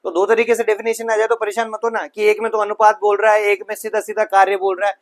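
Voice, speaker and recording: Man, high-pitched, physics lecture, rhetorical questions, self-corrections. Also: flat delivery, quick pace. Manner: talks students through steps with frequent rhetorical questions; repeats himself, self-corrects mid-sentence. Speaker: physics teacher.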